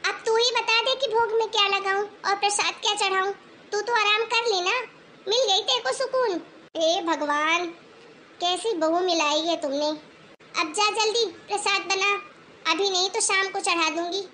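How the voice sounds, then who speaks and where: A woman voicing a bossy middle-aged mother-in-law who nags and complains sharply in an animated moral story. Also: moderate pace, slight background noise. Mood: nagging. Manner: shrill, complaining and sharp-tongued.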